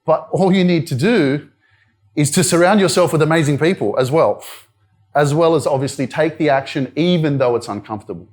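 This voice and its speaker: A motivational speaker with an Australian accent talks a little fast in a higher-leaning, darkish voice. He's at a live indoor event, speaking casually and directly, interacting with the crowd and swearing now and then.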